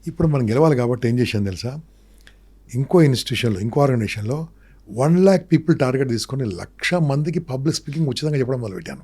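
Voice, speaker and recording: A man's voice: mid-range voice, lively intonation, fast talker, warm tone, breathy edge. A man, a public speaking trainer, talking emphatically in an interview and firing off rhetorical questions and lists. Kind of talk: motivational interview talk.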